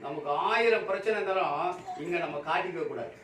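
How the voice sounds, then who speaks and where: A man preaches a Sunday sermon in a high, carrying voice, hammering the same phrases again and again. His delivery swings between loud raised exhortation and quiet, low stretches. He is picked up from a distance in an echoey hall with a faint hum behind him. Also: lively intonation, a little fast. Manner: emphatic preaching with repeated phrases. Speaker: pastor. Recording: echoey room, from far off, faint background noise.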